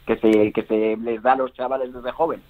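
A man's voice: mid-range voice, little pitch movement, moderate pace. A man co-hosting a sports radio show, conversational and agreeing, asking leading questions, heard over a phone line. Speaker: radio co-host.

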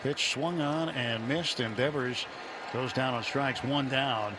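A man calling baseball play-by-play live from a broadcast booth, speaking in measured short phrases between conversational remarks. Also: mid-range voice. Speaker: baseball radio play-by-play announcer. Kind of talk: live sports commentary mixed with booth interview. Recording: ballpark booth with clear outdoor background noise.

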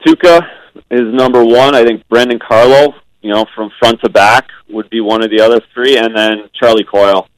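A man, a former goaltender, giving hockey analysis over a phone line on a radio show, measured, with frequent ums and restarts. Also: medium pitch, steady tone, smooth, dry recording.

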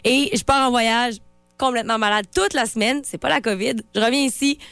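A woman's voice: a little high, brisk, creaky, a bit bright, clean tone, no echo. A woman with a Quebec French accent hosting a morning radio show, chatty and laughing often. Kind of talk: casual radio chat.

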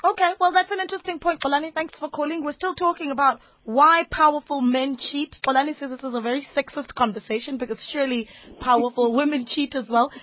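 High-pitched South African woman hosting radio phone-in. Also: steady tone, quick pace, few pauses, no room sound, muffled recording. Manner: chatty, prompts callers with questions. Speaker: radio talk show host. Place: radio studio.

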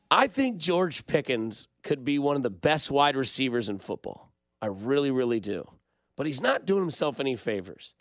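A man hosting a fantasy football advice show on sports radio, animated and opinionated as he chats with listeners. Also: medium pitch, dry recording. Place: radio studio.

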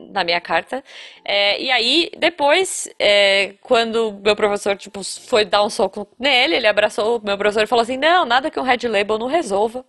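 A woman from Brazil, a podcast co-host in casual chat, telling a story and acting out the people in it. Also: mid-range voice. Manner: animated storyteller, acts out shouted quotes.

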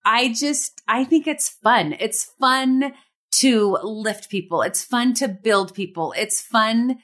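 A woman hosting a podcast, reflecting and asking gentle questions in casual chat. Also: a little high, slow. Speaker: podcast host. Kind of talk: casual faith podcast interview.

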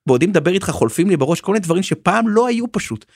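A male guest political commentator speaks animatedly in a casual interview, swinging between high, emphatic bursts and low asides. The studio-quality recording has no echo.

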